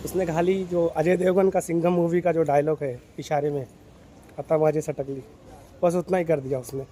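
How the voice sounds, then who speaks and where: A man's voice: on the high side, fairly even intonation, fairly quick, mellow, a little hiss or hum. A man, a local vlogger giving street-side social commentary and firing off rhetorical questions as he walks through the city. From Mumbai, India.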